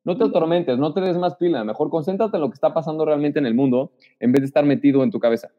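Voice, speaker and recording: Speaking quickly in a slightly high voice, an interview guest offers social tips and acts out example lines with animation. It's a casual chat, and the recording sounds dull with a long reverb tail.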